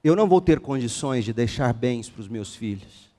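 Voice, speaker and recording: A male pastor with a Brazilian Portuguese accent, preaching a sermon with passion, swinging between hushed and forceful. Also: medium pitch, expressive, normal speed, big-room sound. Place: church sanctuary.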